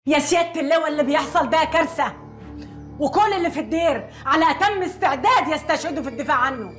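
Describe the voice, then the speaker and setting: A woman's voice: high-pitched, animated, very fast, soft background music, some chatter behind. An actress playing a stern senior nun who urgently defends her monastery in a film. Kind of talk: Egyptian film acting.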